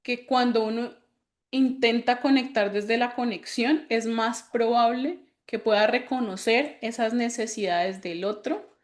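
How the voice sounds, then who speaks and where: A woman instructor leading an online class, who gently cuts in to wrap up and reflect on a participant's story. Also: a little high, unhurried. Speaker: course instructor.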